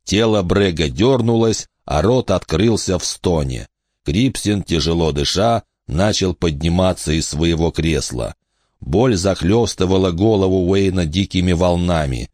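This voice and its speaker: Male narrator, steady measured audiobook reading, very low voice, dry close sound. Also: no room sound.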